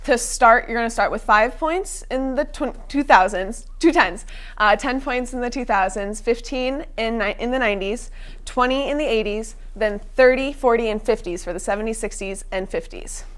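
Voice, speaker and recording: A young woman hosts a student-made quiz show in a college TV studio, explaining the rules in an upbeat way. Her slightly high, fairly bright voice moves at normal speed, though she stumbles now and then with frequent ums, uhs and restarts.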